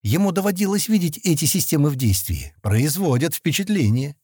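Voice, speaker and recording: A man narrating an audiobook in an even storytelling manner. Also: a little high, fairly quick, slightly rough, no echo, clean studio sound. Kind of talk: scripted narration.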